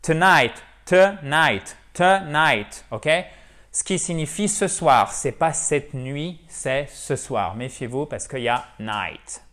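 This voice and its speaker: A French-speaking man with a medium-pitched voice gives a video lesson on English pronunciation, drilling words slowly and repeating them.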